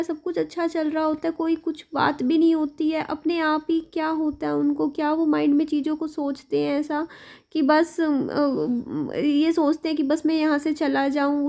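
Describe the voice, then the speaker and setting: A woman's voice: high-pitched, creaky, a little mellow. A young woman, vlogging at home in her kitchen and venting her worries to viewers. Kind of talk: confessional vlog while cooking. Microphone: camera set up nearby.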